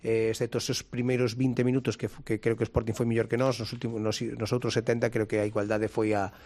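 A man's voice: medium pitch, flat delivery, quick pace, a little mellow. A man with a Galician accent giving hesitant coach's press comments, repeating words and adding tag questions. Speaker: football coach.

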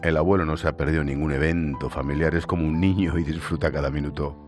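A man with an extremely low, deep voice narrates a scripted piece and then talks casually with his guest, calling him mate. Music plays softly under him throughout. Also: steady tone, quick pace. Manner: informal with guest, calls him macho and tío. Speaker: radio host.

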